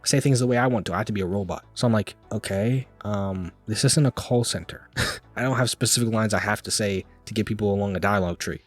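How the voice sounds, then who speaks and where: A young man rants fast about an old job in a casual, streetwise way. His voice sits low and a little husky. He keeps slipping in "like" and "bro". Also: soft background music. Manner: talks fast, peppers speech with "like" and "bro". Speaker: vlogger. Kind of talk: casual storytelling rant.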